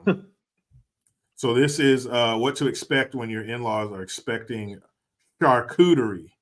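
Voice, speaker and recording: A man's voice: medium pitch, normal speed. A man hosting a podcast, chatting casually, joking and swearing. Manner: laid-back, joking, swearing. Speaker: podcast host. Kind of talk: casual chat.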